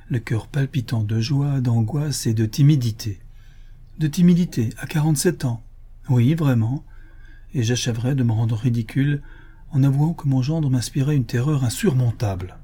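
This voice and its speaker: A man narrating a classic novel audiobook in a measured, expressive reading. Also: mid-range voice, slightly rough.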